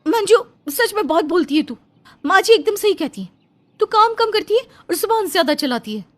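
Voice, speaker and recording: Woman doing a high fawning young daughter-in-law. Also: expressive, moderate pace, a little hiss or hum. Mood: eager. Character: young flattering daughter-in-law, always agreeing.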